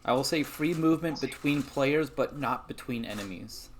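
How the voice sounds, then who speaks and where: A man running a tabletop game as game master, explaining the rules in a measured, patient way. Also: medium pitch, a little hiss or hum.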